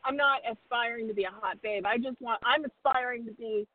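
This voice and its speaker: A woman's voice: fairly high pitch, brisk. A woman caller on a hands-free phone call from her car, chatty and apologetic, laughing often. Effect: hands-free phone call from a moving car. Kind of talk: casual call-in chat. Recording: tinny car speakerphone line.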